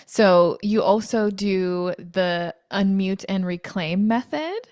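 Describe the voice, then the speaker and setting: A woman's voice: mid-range voice, slow, darkish tone, dry recording, studio quality. A woman podcast host asking questions in a casual interview.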